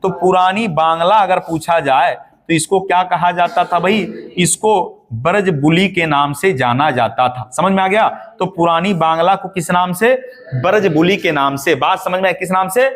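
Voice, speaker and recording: A man's voice: sits high, normal speed, a bit bright. A man teaching an exam-prep lesson, asking questions and repeating the answers to drill them in.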